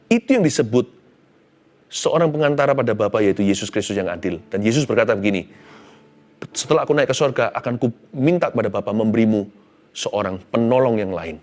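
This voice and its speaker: A middle-aged male pastor preaches with a lively, wide-ranging voice, leaping from sharp exclamations down to near-whispers. He tells his story in vivid bursts and drops English phrases into his talk. Soft music plays faintly behind him. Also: on the low side. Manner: swings between loud exclamations and hushed tones. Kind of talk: sermon.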